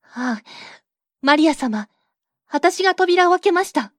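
A woman's voice: fairly high pitch, fairly quick, darkish tone, no echo, clean studio sound, lightly acted. A woman voicing a young queen in a fairy tale, speaking with pleading emphasis. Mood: crying out. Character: desperate young queen, proud then remorseful.

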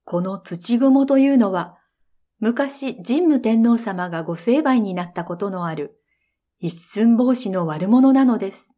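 A woman reads an old fairy tale aloud in a formal, courteous storytelling manner. Her voice sits somewhat high. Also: animated, measured pace, dark tone. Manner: polite, old-fashioned narration. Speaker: narrator. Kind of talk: storybook reading.

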